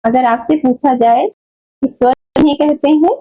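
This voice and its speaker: High-voiced woman teaching Hindi grammar. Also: warm tone, low-quality recording. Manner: slow, deliberate explaining with repeated checks; corrective, scolding about wrong teaching. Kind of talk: exam-prep grammar lesson.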